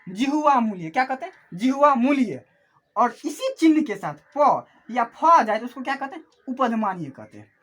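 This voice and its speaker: A woman's voice: fairly high pitch, very animated, moderate pace, a bit bright. A woman teaching an online class who asks questions and answers them herself, repeating each key term.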